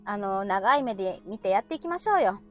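A woman from Osaka with a Kansai accent, co-hosting a casual talk show and chatting in an animated way with frequent laughter. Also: mid-range voice, fast talker, faint music behind. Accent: Kansai Japanese. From Osaka, Japan. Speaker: co-host of a live audio talk show. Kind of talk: casual chat.

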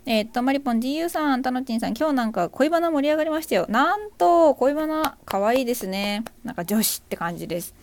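Fast-talking bubbly woman streamer. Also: fairly high pitch, animated, a little mellow. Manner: bubbly, self-deprecating, greets listeners by name. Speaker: livestream host. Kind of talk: casual live chat reading out listener comments.

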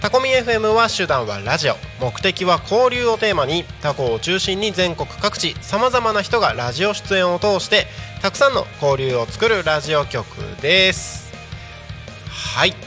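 A man in his thirties hosts a live community radio show from a small local studio, speaking into a studio mic with a somewhat high, bright, forward tone. His delivery is upbeat and announcer-like, loosening into relaxed, chatty asides. Soft music sits faintly beneath him. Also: normal speed. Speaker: radio host.

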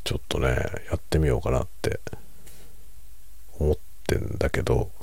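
A middle-aged man chatting quietly late at night over a drink, in a hushed, unhurried, musing and self-deprecating way. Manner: relaxed monologue while drinking alcohol. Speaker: streamer.

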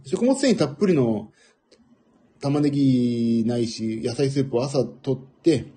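A middle-aged man with a husky voice hosting a casual, rambling audio stream in a self-deprecating manner. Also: medium pitch, animated, unhurried, mellow. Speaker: audio livestream host.

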